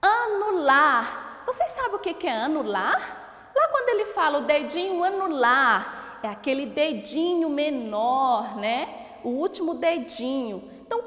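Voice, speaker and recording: A woman teacher with a Brazilian Portuguese accent giving a recorded lesson for children, asking pupils questions and drawing out each syllable slowly. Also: sits high, big pitch swings, a bit bright. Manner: slow, drawn-out syllable-by-syllable pronunciation, asks questions to pupils. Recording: echoey room with long reverb.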